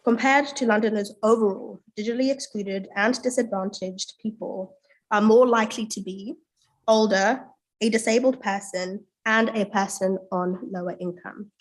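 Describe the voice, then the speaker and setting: A woman's voice: medium pitch, rough recording. A woman with a cold and a nasal voice, presenting research findings in a friendly way, with filler ums. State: has a cold. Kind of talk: presentation talk.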